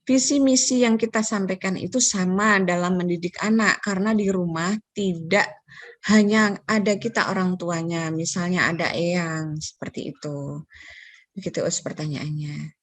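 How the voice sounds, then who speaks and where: A woman's voice: on the low side, steady tone, moderate pace, no room sound. Woman moderator on a video call, polite, hesitant fillers, dry close sound. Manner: polite, reads out questions, filler-heavy. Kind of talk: moderating an online Q&A.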